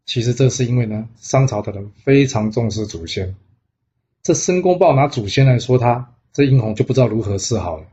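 A man's voice: medium pitch, lively intonation, fairly quick, warm tone. Chatty male storyteller, lo-fi. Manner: chatty, with rhetorical questions. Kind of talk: storytelling narration.

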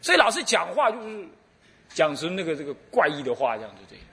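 Speaking fast in a slightly high voice, a middle-aged abbot with a Taiwanese Mandarin accent delivers a dharma talk packed with stories. He laughs along and animatedly performs the characters' lines.

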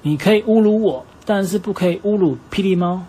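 A man with a Taiwanese Mandarin accent voicing a brave, loyal male tiger wrestler in a bedtime story, with loud heroic outbursts. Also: on the high side, fairly quick, slightly rough. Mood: defiant.

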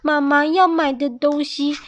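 A woman voicing a bunch of excited little chicks who beg for treats, with squeaky, whiny chirping. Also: measured pace.

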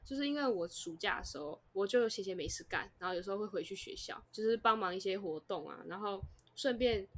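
A young woman, co-hosting a podcast and telling a story in casual, animated chat. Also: mid-range voice, fairly quick, few pauses. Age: young adult. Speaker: podcast co-host.

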